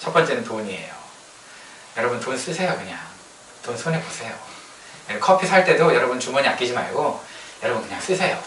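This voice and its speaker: A man preaching a sermon as a pastor, in a lively, colloquial way, sometimes acting out what people say. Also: mid-range voice, a little fast, long pauses, a little hiss or hum. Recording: roomy hall sound, distant mic, faint ambience.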